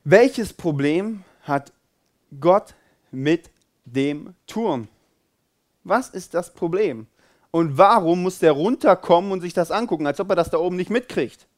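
A man preaching a sermon who reads from the Bible, repeats key phrases and asks rhetorical questions, swinging from loud declarations to quiet, intense asides. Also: high voice, expressive, a little slow.

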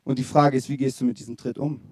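A young man preaching a sermon in a lively, conversational storytelling way, asking his listeners direct questions. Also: mid-range voice, fast talker.

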